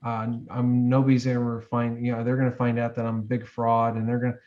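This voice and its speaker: A man in his forties with a mid-range, monotone voice speaks briskly as a guest offering advice in a reflective interview. His sentences ramble loosely, full of fillers and restarts, and the audio sounds dull.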